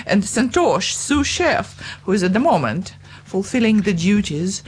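A woman hosting a casual interview, chatty and quick to laugh. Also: mid-range voice, big pitch swings, breathy edge. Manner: chatty, laughing easily, with many fillers. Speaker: radio host.

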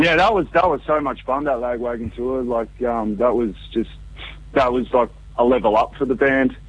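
A man, a musician giving a casual, halting interview over a muffled phone call. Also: medium pitch, slightly rough, no echo. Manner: informal, halting. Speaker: punk band musician being interviewed. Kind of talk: casual chat. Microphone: phone call to radio show. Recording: dull, band-limited phone call.

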